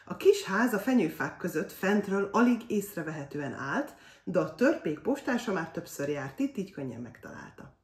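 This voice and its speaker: A woman reading a children's fairy tale aloud in an expressive, animated way. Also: lowish voice, far from the mic. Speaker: storyteller. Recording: roomy echo.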